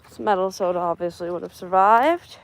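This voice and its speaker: A woman from Spokane, US, with a fairly low pitch and a slightly fast delivery narrates a casual vlog while walking outdoors through a burned cemetery. She talks to herself, dropping dry, sarcastic asides.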